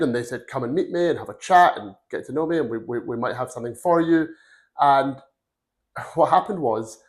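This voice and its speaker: A man in his forties, from Glasgow, telling his career story as a podcast guest. He rambles in an earnest way, with a voice of middling pitch for a man. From Glasgow, Scotland. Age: 40s. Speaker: podcast guest, recruitment firm founder. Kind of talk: casual career interview.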